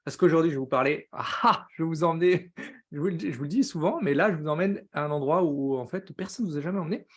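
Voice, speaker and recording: A man hosting a live business-coaching stream, energetic and upbeat, talking very fast, greeting viewers by name and dropping English words into his speech. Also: a little high. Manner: says he talks very fast.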